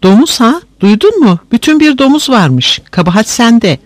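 Man voicing a jumpy village weaver, high and agitated, lively up and down, dry close sound. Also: moderate pace, no echo. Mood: blustering. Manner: agitated, blustering. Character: excitable, fearful male village weaver.

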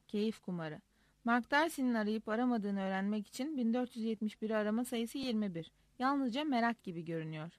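Lively woman reading a diary story. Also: on the high side, dry recording. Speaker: audiobook narrator. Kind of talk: first-person diary narration.

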